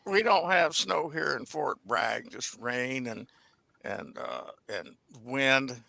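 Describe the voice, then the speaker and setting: A man's voice: medium pitch, sing-song, slow pace, vocal fry, bright, forceful tone, no echo. An older man with an American accent, chatting and telling stories casually over a video call. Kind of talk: casual chat and storytelling. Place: indoor room on a video call.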